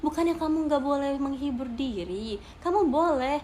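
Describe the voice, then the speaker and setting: A woman's voice: high-pitched, normal speed, a little mellow, slight background noise, lightly acted. Young woman quoting a stern mother. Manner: firm, lecturing. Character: stern, calm mother scolding her daughter.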